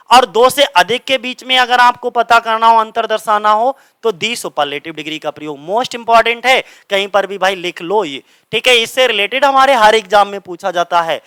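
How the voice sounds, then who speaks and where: A young man teaching English grammar for exam prep, explaining step by step, asking and answering his own questions, and reading the English examples slowly. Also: very high voice, bright, forceful tone, clear, resonant tone, no echo. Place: coaching centre classroom.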